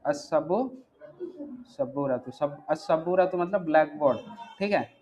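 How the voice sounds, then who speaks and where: A man's voice: on the high side, a little slow, darkish tone. A man teaching a grammar class, explaining step by step and often quizzing his students. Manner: asks the class questions, repeats "ठीक है". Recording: dull lo-fi sound, faint noise.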